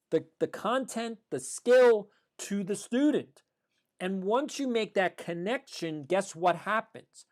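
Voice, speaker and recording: Emphatic man talking about teaching. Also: high-pitched. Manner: emphatic, repeats key phrases. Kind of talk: passionate podcast monologue on teaching.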